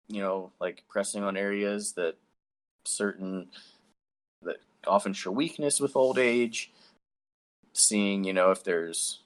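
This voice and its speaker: Male game master, lowish voice, improvised conversational fantasy narration. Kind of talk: narrating a tabletop role-playing game.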